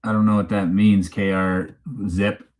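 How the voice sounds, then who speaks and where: Reading live comments on his stream, a Canadian-accented man keeps the chat casual, unscripted, rambling and teasingly informal. He sits low in pitch with a level tone, speaking a little slowly and sounding a little mellow.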